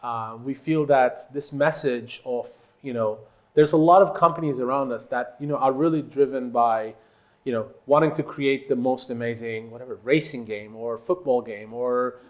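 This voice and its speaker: Speaking with a mid-range voice, a Turkish man, native in Turkish, answers interview questions conversationally as a company executive. His phrases are halting, and he drives home his points emphatically.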